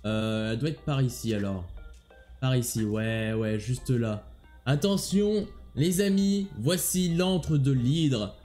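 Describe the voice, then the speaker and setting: A man's voice: medium pitch, slow, dark tone, faint music behind. Chatty man giving gameplay commentary. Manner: chatty, talks to viewers, taunts enemies playfully. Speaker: gaming video host.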